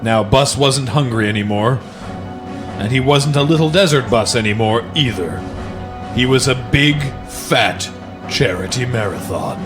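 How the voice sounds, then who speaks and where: A man hosts a show where he reads children's books aloud and chats casually about them, with background music playing behind him. His mid-range voice is animated and moves at a measured pace.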